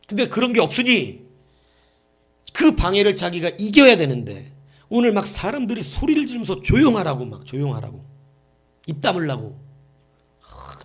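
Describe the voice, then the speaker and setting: Animated preacher man, rhetorical questions. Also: high-pitched. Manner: emphatic, full of rhetorical questions. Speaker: pastor. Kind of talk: late-night vigil sermon. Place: church.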